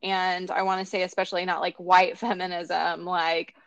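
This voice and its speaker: A woman's voice: on the low side, level tone, moderate pace, no echo, highs cut off. A woman chatting casually about a film, thinking aloud with many fillers and restarts.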